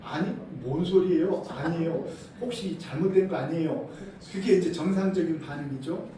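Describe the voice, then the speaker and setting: A middle-aged senior pastor from South Korea delivers a sermon in a church sanctuary, his voice high and mellow at normal speed. He repeatedly poses questions to the congregation, shifting between loud, emphatic lines and quiet asides. Recorded from afar, the very echoey hall carries a faint hiss.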